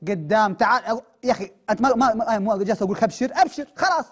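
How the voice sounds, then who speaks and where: A young man with a Saudi accent plays his part in a comic sketch with a high, light voice. He talks very fast. His manner is breezy and offhand, and he brushes every worry aside with easy promises. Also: fairly bright tone, husky. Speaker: comedy show co-host.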